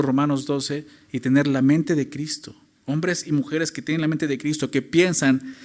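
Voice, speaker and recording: Preaching from the pulpit, this male pastor leans on rhetorical questions to press his message. He alternates forceful, loud stresses with softer, low-pitched lines.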